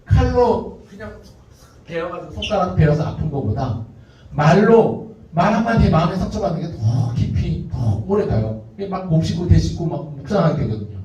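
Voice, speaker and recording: A male pastor giving a youth sermon, lively, acting out the nagging and taunting voices of others. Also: fairly high pitch, normal speed, far from the mic, slight background noise. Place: church hall. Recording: echoey hall, muffled from afar.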